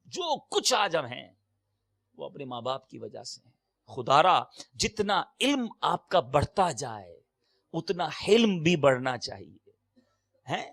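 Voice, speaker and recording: Impassioned high-voiced male preacher. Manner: impassioned, emphatic exclamations, big swings between loud and soft. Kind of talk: Urdu sermon.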